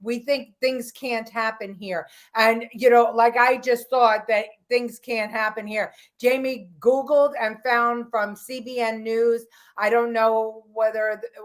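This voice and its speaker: Woman talk-show host, opinionated, emphatic, voice on the higher side. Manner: emphatic, opinionated, many restarts. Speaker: podcast host. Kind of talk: political talk show chat.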